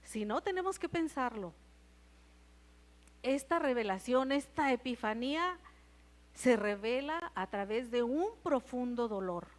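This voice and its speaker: Mexican lady preaching sunday sermon, slow unhurried delivery, keeps asking the church questions. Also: on the high side, expressive. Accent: Mexican Spanish. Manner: asks the congregation questions and retells scripture. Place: church service.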